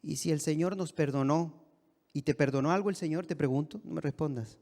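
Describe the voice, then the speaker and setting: Brief: man, co-pastor, delivering an emphatic sermon; slightly high voice, reverberant church hall. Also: fairly quick. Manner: emphatic, varying between soft and raised delivery.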